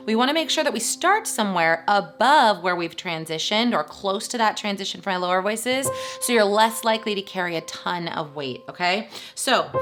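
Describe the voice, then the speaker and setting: A woman teaching as a voice coach, upbeat and encouraging as she talks students through vocal exercises. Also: mid-range voice. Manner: upbeat and encouraging, checks in with "right?". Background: piano accompaniment.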